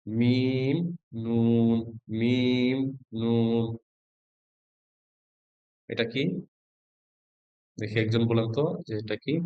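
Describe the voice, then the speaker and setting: A man's voice: medium pitch, level tone, extremely slow, long pauses, darkish tone, clear, resonant tone, dry recording, dull audio. A male Quran reading teacher giving an online class, patiently naming letters one by one and quizzing his students. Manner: patient, asks students questions and spells out letters.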